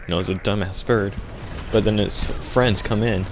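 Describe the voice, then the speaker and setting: Young man, very low voice, deadpan absurd storytelling, rambling, stumbling restarts, faint hum of background. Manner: rambling, halting, full of restarts and fillers. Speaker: vlogger.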